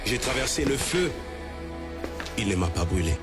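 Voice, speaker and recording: A man's voice: mid-range voice, sing-song, normal speed, over music. A man giving solemn testimonial declarations in an inspirational ad voice-over.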